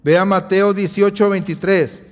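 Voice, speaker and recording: A man's voice: sits high, fairly even intonation, unhurried, in a large hall. A man preaching a sermon, asking his listeners questions and then answering them himself. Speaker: pastor.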